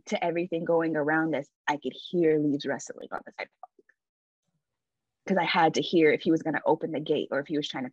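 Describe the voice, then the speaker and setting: A woman's voice: low voice, a little mellow, breathy edge, no echo. Candid woman telling a story, muffled audio. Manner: candid and emphatic, many "like" and "right?" asides. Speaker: podcast guest. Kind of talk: personal storytelling in conversation.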